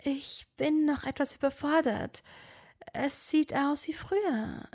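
A woman's voice: sits high, takes it slowly, a little mellow, voice pushed up. A woman voicing an earnest, clever young witch in a fan audio drama. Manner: earnest, explaining, easily indignant.

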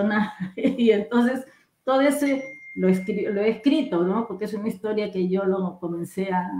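Older Peruvian woman, mellow and echoey. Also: mid-range voice. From Peru. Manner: retells her story with lively acted dialogue and laughs. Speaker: guest writer. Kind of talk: casual storytelling interview.

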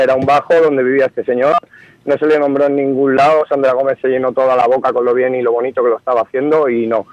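A man's voice: medium pitch, a little mellow, dry recording. A man calling into a radio talk show over the phone, speaking with indignation and accusation. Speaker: radio caller. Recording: muffled dry phone line.

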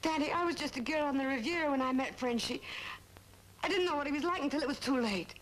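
A woman's voice: high voice, fast, slight background noise, close to an everyday voice, rough recording. A woman playing a pleading femme fatale. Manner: pleading, seductive. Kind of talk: 1950s TV crime drama acting.

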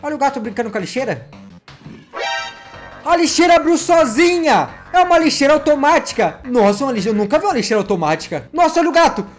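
A man, hosting his channel and reacting to funny cat clips in an excitable, playful way, teasing himself and his pets. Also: very high-pitched, fast, faint music behind. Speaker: YouTube gaming host.

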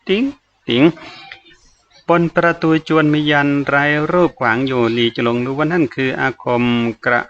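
A man reading a fantasy novel aloud as an audiobook narrator, in an even, unhurried storytelling manner. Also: mid-range voice, dull audio, faint music behind.

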